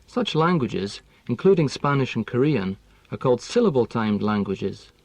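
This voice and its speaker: A man delivers a scripted lesson on speech and intonation at a steady, precise pace, in a mid-range voice. The recording is dry and close, with no room echo. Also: mid-range voice. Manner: measured, precise, explanatory. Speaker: language teaching expert.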